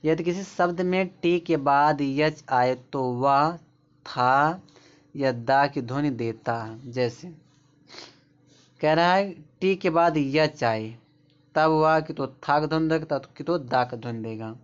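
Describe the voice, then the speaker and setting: A man's voice: fairly high pitch, slow pace, clear, resonant tone. A man explaining English pronunciation rules, pointing at examples and repeating them. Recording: dull lo-fi recording.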